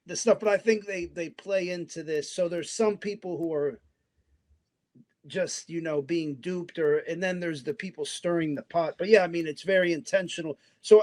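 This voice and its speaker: A podcast guest who grew up in the United States discusses politics casually. His voice sits high with a darkish tone, and he rambles, restarting often and slipping into asides.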